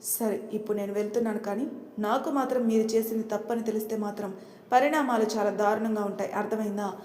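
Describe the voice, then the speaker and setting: A quick-tempered young boss snaps and lectures, as a woman reads him. The voice is mellow rather than sharp in colour. It sits in a room with a long echo. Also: mid-range voice, fairly even intonation, close to an everyday voice. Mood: scolding. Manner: scolding and sharp-tongued. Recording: roomy with long reverb.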